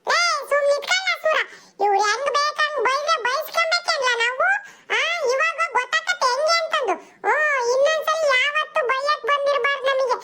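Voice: very high-pitched, fairly quick, sharp tone, faint music behind. An actor voicing a cheeky, defiant village boy who taunts and boasts in rural slang. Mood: boastful.

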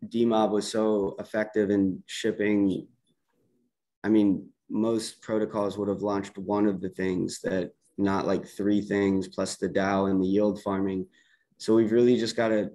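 Low flat-voiced man on a call. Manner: halting, many fillers and restarts. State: losing his voice. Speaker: project team member on community call. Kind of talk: casual call talk. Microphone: video call.

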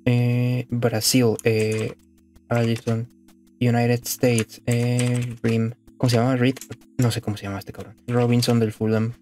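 A man's voice: medium pitch, flat delivery, unhurried, dark tone, faint music behind. A man with a Mexican accent doing casual gameplay commentary as a streamer, muttering to himself, swearing and repeating phrases.

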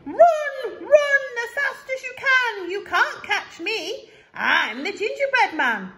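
A woman voicing a cheeky, boastful little gingerbread man who taunts his chasers in shrill sing-song shouts. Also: sing-song, slow, full character voice. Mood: taunting. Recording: echoey room with faint noise.

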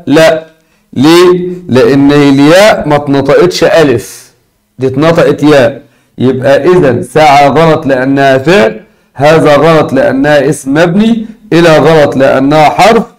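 A man with an Egyptian Arabic accent teaching a recorded lesson, repeating key words slowly and asking his students questions. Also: a little high.

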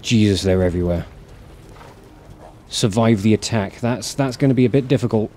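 Sitting indoors at his gaming rig, a streamer in his thirties swears his way through casual, irritated commentary with the mic close by. His voice is lowish and dark-toned, at a normal speed. There's slight background noise along with the game music and sound effects.

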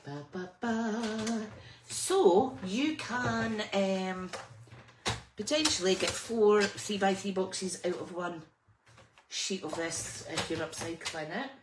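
A woman's voice: mid-range voice, slow pace. A woman with whistling s sounds, chatting informally as she hosts a craft tutorial, drifting into small asides. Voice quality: whistling sibilant s sounds when speaking. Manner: informal, rambling, self-interrupting with small asides and sing-song filler. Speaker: host of a live papercraft class. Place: at a craft table indoors. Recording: clearly noisy with clicks.

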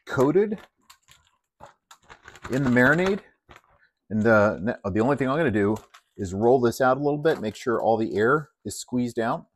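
A man calmly explaining how he marinates and grills chicken, step by step with plenty of fillers. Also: medium pitch. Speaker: home cook. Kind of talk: casual cooking demonstration. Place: outdoors at a grill.

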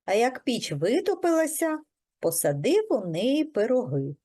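Expressive woman reading to preschoolers. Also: fairly high pitch, a little slow, breathy edge. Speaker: preschool teacher. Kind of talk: reading a folk tale to children.

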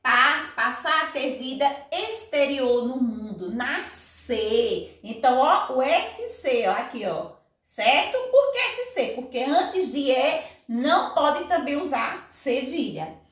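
A woman teacher takes her class through the material slowly and patiently. Her voice sits high and she keeps asking whether everyone understands. The sound is echoey and comes from some distance away. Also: expressive, a bit bright. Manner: patient, checks understanding with repeated questions. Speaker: Portuguese teacher. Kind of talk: recorded class lesson.

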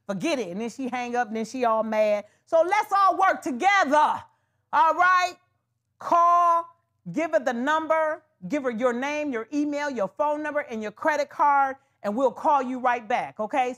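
A woman hosting a live wig sales show, talking casually to viewers, calling them honey and y'all as she pushes the deals. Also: high-pitched. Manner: chatty, calls viewers honey and y'all, hard-selling. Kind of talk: live shopping stream chat.

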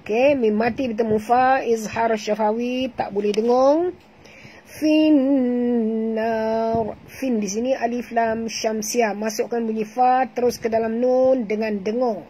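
A woman's voice: fairly high pitch, fairly even intonation, moderate pace, hardly any pauses, mellow, a little hiss or hum, rough recording. A woman with a Malaysian Malay accent teaching Quran recitation rules in an online class, patiently repeating sounds and correcting pronunciation. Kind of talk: online tajwid class, explaining and demonstrating recitation.

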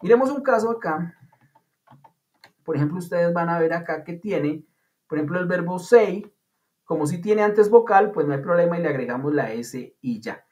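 A man's voice: sits high, expressive, normal speed, a little mellow. A man teaching an online English class, explaining patiently in a chatty way with playful comparisons. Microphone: video call. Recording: dull lo-fi online call audio.

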